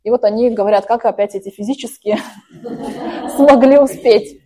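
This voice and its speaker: In a hall full of people, a woman guides a group spiritual practice, first chanting fixed phrases and then explaining at length in a chatty, filler-heavy way. Her voice is slightly high and warm, at a normal pace.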